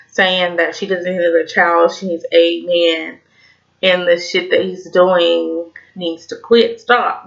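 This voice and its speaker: Tipsy Southern woman in her twenties, gravelly. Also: lowish voice, fairly bright tone, muffled recording. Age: 20s. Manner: rambling, swearing, many "like" fillers. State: tipsy, slightly slurring. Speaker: TV review vlogger. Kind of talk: casual chat.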